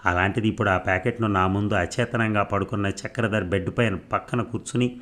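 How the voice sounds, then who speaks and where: A man's voice: fairly low pitch, steady tone, fairly quick, fairly bright tone, lightly acted. A man voicing a coolly detached woman film star with a philosophical manner, in an audiobook novel reading. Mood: wry.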